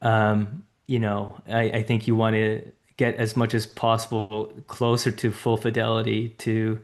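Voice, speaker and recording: A man speaking in a workshop discussion on a video call, hesitant with many pauses. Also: lowish voice, completely flat delivery. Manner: hesitant, many fillers and restarts. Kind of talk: discussion after a talk.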